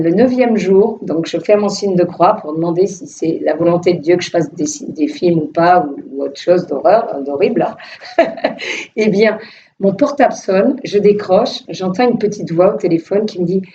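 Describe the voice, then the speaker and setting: Animated woman telling her story from afar. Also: lowish voice. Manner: animated, laughing, with frequent restarts. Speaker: filmmaker giving a personal testimony. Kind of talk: lively storytelling talk to an audience. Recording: distant, dull, slightly noisy room recording.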